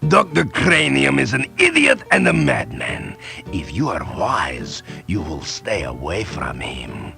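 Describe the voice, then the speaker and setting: Stern townsman, fantasy game: low gravel voice, curt, formal, very animated inflection. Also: a little slow, music in the background, full character voice. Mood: gruff, dismissive. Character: stern male townsman of a monster-plagued valley, brusque. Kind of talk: video game character dialogue.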